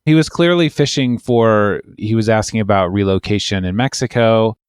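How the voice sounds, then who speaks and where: A man's voice: on the low side, normal speed, clean tone, no echo, studio quality. A man, an immigration lawyer, telling a long, wry, rambling story in casual podcast chat.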